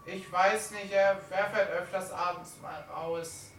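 A man's voice: high-pitched, fairly even intonation, a little slow, a bit bright, voice pushed up. A man voicing a nervous, wary old farmer's wife in a tabletop role-play, hesitant and evasive, repeating words, with a disapproving manner. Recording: echoey room, distant mic, noisy.

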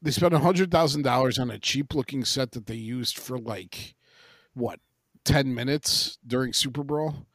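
A man's voice: mid-range voice, normal speed, dry recording, clean studio sound. A man hosting a casual podcast countdown, blunt and a bit profane as he moderates his co-hosts. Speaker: podcast host running a countdown list.

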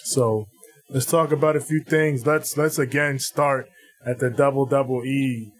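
A man's voice: mid-range voice, steady tone, a little slow, husky. A man co-hosting a podcast, chatting informally through news with repeated phrases and some swearing. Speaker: podcast co-host. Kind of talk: casual wrestling news chat.

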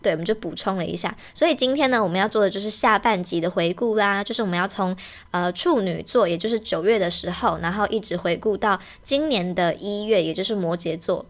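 A young woman, co-hosting a podcast in casual chat, giggly and animated. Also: medium pitch. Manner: giggly, animated, quick to mimic friends. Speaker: podcast co-host.

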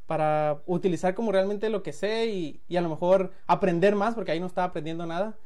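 Over a noisy crowd, a high-pitched man speaks quickly. In his late twenties and from Sinaloa, he has a Mexican accent and shares his story as a guest in a loose, laughing storytelling chat, restarting phrases and acting out quotes.

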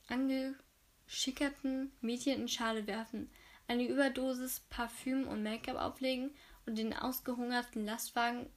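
A woman reading a novel aloud for her viewers and making chatty, frank asides about the story. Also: a little high.

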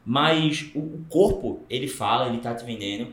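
Animated Brazilian man in a roomy space. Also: medium pitch, normal speed. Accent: Brazilian Portuguese. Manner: animated, emphatic, many fillers and restarts. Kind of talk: casual podcast discussion. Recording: roomy echo.

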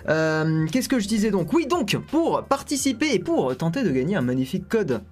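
A man's voice: sits high, sing-song, moderate pace, faint music behind. A man hosting a casual tech live stream, chatty and joking, with many fillers and asides.

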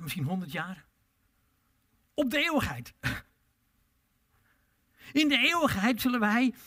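Guy preaching, pretty high voice, goes loud then real quiet, stretches out the bible quotes. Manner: impassioned, swings from loud emphatic calls to quiet low asides; drawn-out pleading delivery when quoting scripture. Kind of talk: sermon.

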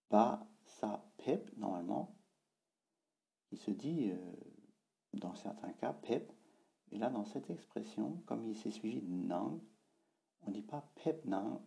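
A man giving a spoken language lesson, slowly repeating words and drilling their tones. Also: on the low side, gravelly, mellow. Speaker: language teacher.

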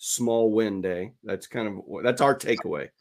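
A man's voice: fairly low pitch, normal speed, a little hiss or hum. A middle-aged man hosting a podcast in casual chat, self-mocking and full of restarts. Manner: self-deprecating, stumbling restarts. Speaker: podcast host.

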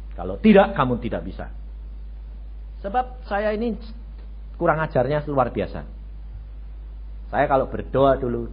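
An older man preaching a sermon, jumping between loud exclamations and low asides and throwing rhetorical questions at the congregation. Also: husky. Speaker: pastor. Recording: dull lo-fi radio broadcast.

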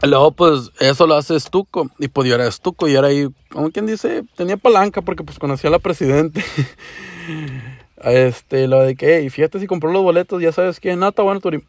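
A young adult man with a fairly high voice and a northern Mexican border accent hosts a podcast, speaking a little fast in a dry recording. He tells stories casually in profane slang mixed with Chicano-style English, acting out the dialogue.

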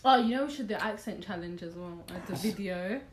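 A woman's voice: medium pitch, fairly quick, a crowd in the background. A young woman co-hosting a podcast, teasing the others in playful, casual banter. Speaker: podcast co-host. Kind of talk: casual chat.

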